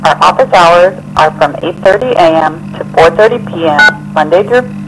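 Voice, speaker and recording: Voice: medium pitch, moderate pace, music in the background. A recorded voicemail greeting voice, heard over a phone line, reading a formal office menu. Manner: even, formal announcement delivery.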